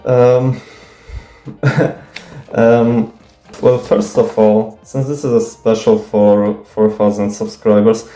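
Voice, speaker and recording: In an echoey room with faint music, a young man whose native language is Polish answers viewer questions off the cuff in a hesitant, self-conscious way, full of stutters, fillers, restarts, and casual swearing. His voice sits lowish and sounds mellow.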